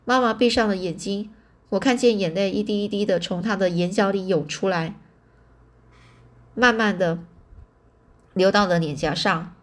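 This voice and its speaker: A woman reads a novel aloud in a relaxed, informal way. Her voice sits at a middling pitch, and she often stops to restart or rephrase a line. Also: moderate pace, long pauses. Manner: frequent restarts and fillers. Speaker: narrator. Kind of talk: casual storybook reading.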